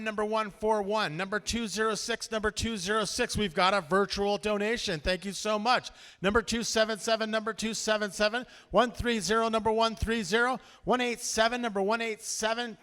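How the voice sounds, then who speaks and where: A man emcees a live charity auction, energetically calling giving levels and paddle numbers in a rapid auctioneer chant. His high, bright voice has a smooth, crisp edge and rings with a large event hall's long reverb.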